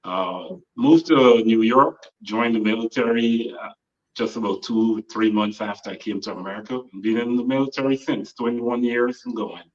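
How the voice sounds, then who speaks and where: A man in his forties, originally from Guyana, answering interview questions in a measured way that trails off with frequent pauses. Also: medium pitch. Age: 40s. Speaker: author guest. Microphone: phone held by another person. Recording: distant lo-fi phone recording.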